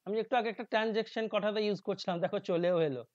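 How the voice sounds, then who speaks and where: A man with a Bengali accent teaching an exam-prep lesson. He reads English answer options aloud slowly and often trails off into low asides. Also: fairly even intonation, darkish tone, slight background noise. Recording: dull dry lo-fi recording.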